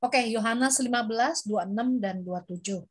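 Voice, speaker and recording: A woman from the audience reads out a verse reference and then the scripture passage itself. Her voice is soft and breathy, with a husky edge. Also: a little high, quick pace. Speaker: audience member reading scripture.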